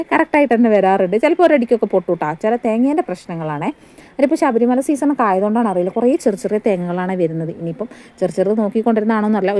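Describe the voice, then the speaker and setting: A woman's voice: medium pitch, mellow. A woman with a Malayali accent chatting casually through her home cooking vlog, recorded on a phone set on a stand in her kitchen. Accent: Malayali, Kerala. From India. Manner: chatty, homely, often tags "kettō". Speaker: family vlogger. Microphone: phone front camera on a stand, some distance away.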